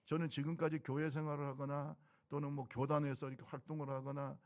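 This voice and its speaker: Gravelly Korean pastor preaching conversationally. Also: male voice, on the high side, flat delivery, fast. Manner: conversational preaching with rhetorical questions. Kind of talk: sermon. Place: church sanctuary.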